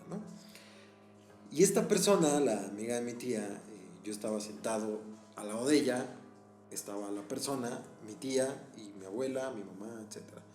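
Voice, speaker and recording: A man with a Mexican accent, a teacher on a podcast telling a personal story in a casual, animated way and laughing often. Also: medium pitch. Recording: echoey room, faint music.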